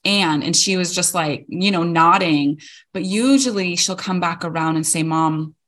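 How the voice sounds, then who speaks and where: A woman's voice: on the low side, moderate pace, a bit bright. A woman in her thirties co-hosting a podcast, talking earnestly and reflectively about parenting with many fillers. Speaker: podcast co-host. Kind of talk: casual chat.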